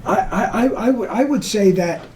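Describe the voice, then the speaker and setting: A man from a water board answering interview questions in a deliberate, earnest way. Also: sits high, darkish tone, slight background noise, rough recording. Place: on a tour of the water department.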